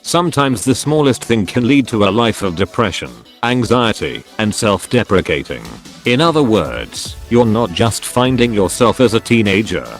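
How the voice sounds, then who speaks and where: Low-voiced man reading forum posts. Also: expressive, normal speed, faint music behind. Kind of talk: scripted narration.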